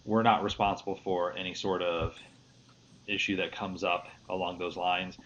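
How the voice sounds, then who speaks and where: A man's voice: sits low, flat delivery, moderate pace, fairly bright tone. A man with a Midwestern American accent hosting a casual live-streamed panel chat, easygoing and rambling with frequent restarts. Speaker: host. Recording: lo-fi stream audio with faint hiss.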